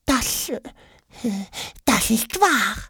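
A squeaky jealous little braces case. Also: male voice, extremely slow, husky, dry recording, studio quality, exaggerated voice. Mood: sheepish. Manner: squeaky, excitable. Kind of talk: audiobook role.

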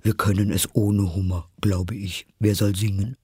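A man voicing the Mock Turtle, a weepy, sorrowful sea creature from a storybook, in a breathy half-whisper. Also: lowish voice, little pitch movement, moderate pace, warm tone, no room sound, clean studio sound. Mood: eager.

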